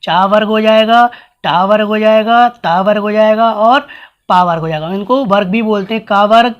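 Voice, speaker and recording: A male teacher giving a grammar lesson, sounding out each letter slowly and repeatedly and asking his students questions. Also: high voice, dull audio. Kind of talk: blackboard-style grammar lesson.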